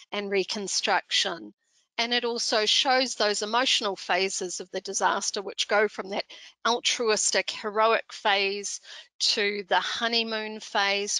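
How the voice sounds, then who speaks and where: An older woman with a New Zealand Kiwi accent, giving a measured, explanatory presentation into a headset on a video call. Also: mid-range voice, pushed and bright, no room sound, low-quality recording. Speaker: speaker on disaster chaplaincy. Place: indoor room.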